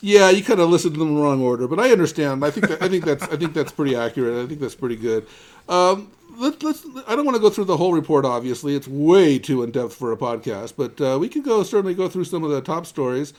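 On this chatty tech news podcast, the male host keeps tripping over himself, repeating the beginnings of words in a halting way. His voice sits on the high side with big pitch swings and a darkish tone.

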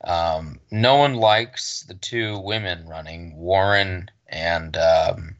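A man's voice: low voice, slow, a bit bright, highs cut off. A man co-hosting a casual political podcast, speaking bluntly with frequent restarts and fillers. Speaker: podcast co-host.

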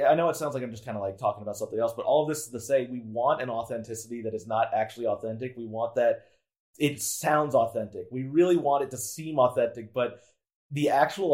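A man in relaxed podcast conversation, rambling and self-interrupting with lots of filler words, candid and sometimes swearing. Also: medium pitch. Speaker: podcast guest. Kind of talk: casual conversation.

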